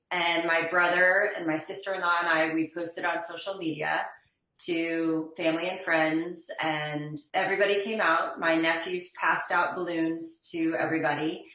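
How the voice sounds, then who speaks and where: A woman's voice: lowish voice, fairly bright tone, very echoey. A woman chatting casually as a talk show guest over a muffled video call. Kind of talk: casual interview chat.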